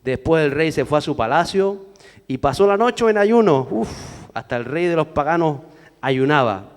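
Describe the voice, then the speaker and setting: A male preacher with a somewhat high voice, pressing his points hard and firing questions at the congregation. His words ring out with the long reverb of a big church hall. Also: animated, moderate pace. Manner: emphatic, rhetorical questions to the congregation. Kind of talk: sermon.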